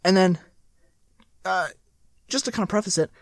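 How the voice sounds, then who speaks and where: A woman's voice: mid-range voice, normal speed, dry recording, clean studio sound. A young woman co-hosting a podcast, telling a rambling, playful story in casual chat. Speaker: podcast co-host.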